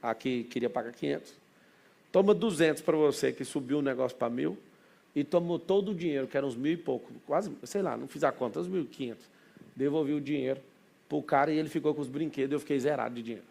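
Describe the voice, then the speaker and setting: Fast, gravelly Brazilian man telling stories. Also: a little high. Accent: Brazilian Portuguese. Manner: excitable, rapid anecdotal delivery with many asides. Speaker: business mentor. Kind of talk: motivational storytelling to a group.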